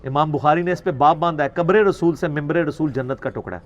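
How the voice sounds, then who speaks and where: A male religious teacher answering questions talks fast in a voice on the high side, with the highs cut off in the recording. His lecture is argumentative, mocking, and rhetorical, and he quotes narrations as he goes.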